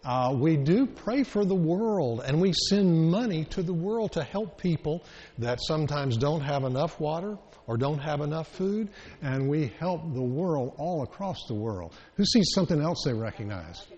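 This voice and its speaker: A man's voice: on the high side, animated, moderate pace, darkish tone. Southern man leading children in church, echoey hall. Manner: encouraging, simple questions and repetition for children. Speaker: leader of a children's sermon. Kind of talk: informal children's sermon. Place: church interior, moving around. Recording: muffled, reverberant hall with faint noise.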